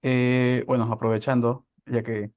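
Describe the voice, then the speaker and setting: A man on a video call asking a question in a halting way, repeating words as he thinks. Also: mid-range voice, little pitch movement, a little mellow, no room sound, clean studio sound. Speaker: webinar attendee asking questions.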